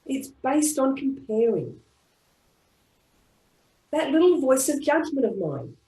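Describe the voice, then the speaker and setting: A woman with an Australian accent leading a live online group tapping class, speaking in calm, repeated affirmation-style phrases. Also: high-pitched, takes it slowly. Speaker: EFT tapping practitioner. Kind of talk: guided group tapping session. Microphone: online video call. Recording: roomy echo.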